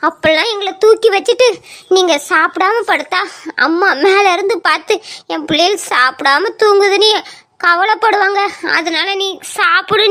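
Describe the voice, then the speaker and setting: Young girl playing a loving little sister, earnest and pleading, very high bright voice, amateur audio drama. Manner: earnest, pleading, tearful at times. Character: tender younger sister pleading with her brother.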